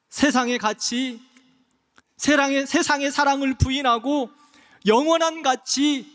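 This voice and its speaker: Male pastor, sermon, impassioned delivery that slows for emphasis; very high pitch, church hall reverb. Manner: impassioned, swings between soft and loud, slows on key phrases. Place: church sanctuary.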